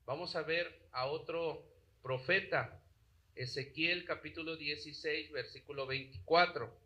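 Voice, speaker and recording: Man preacher with a bright, cutting voice and a slightly high pitch, questions the flock often. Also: steady tone, measured pace, highs cut off. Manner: asks the congregation rhetorical questions. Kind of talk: sermon.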